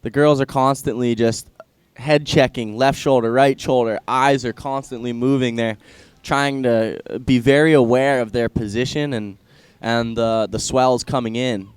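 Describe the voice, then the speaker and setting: A man's voice: mid-range voice, fairly even intonation, measured pace, clean tone, dry recording. A man doing casual live sports commentary in a laid-back, chatty surfer style. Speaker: surf contest commentator.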